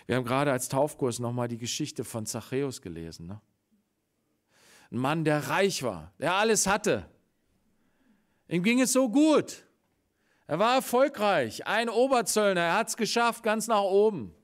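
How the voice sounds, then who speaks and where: A man preaching a Sunday morning sermon with a fairly high, very lively voice that leaps up in excitement and then drops to a hush. He acts out the people in his story as he goes. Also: unhurried. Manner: animated, swings between loud exclamations and hushed, quiet passages. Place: church.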